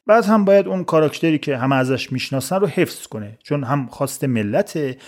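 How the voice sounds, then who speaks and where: A man's voice: mid-range voice, a little mellow. A man hosting a podcast, telling a life story in scripted, sarcastic narration with mock-pious asides. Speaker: podcast host.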